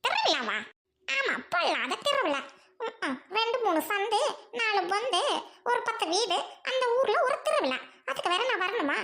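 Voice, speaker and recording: A woman's voice: very high-pitched, very animated, a little fast, fairly bright tone, voice pushed up, exaggerated voice. A woman doing a snobbish rich young sister. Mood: scornful. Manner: scornful, mocking, whiny. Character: haughty rich young woman snubbing her poor brother. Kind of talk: family drama skit.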